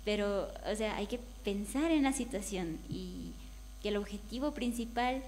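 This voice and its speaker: A woman's voice: medium pitch, a little slow, darkish tone, a little hiss or hum. A woman speaking candidly on a panel, talking conversationally and slipping into quoted voices now and then. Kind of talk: panel discussion. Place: event hall.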